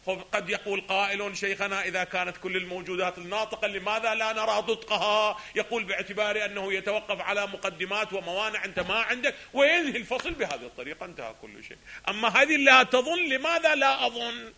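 A man's voice: high-pitched, fast talker, hardly any pauses, bright, forceful tone. A man giving a lecture on a philosophy text, often asking rhetorical questions and answering them himself. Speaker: religious scholar teaching a text.

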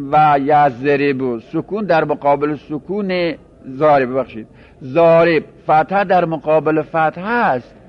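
A man teaching a grammar lesson in a measured classroom lecture, repeating phrases and posing rhetorical questions he then answers. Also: a little high. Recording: dull lo-fi recording.

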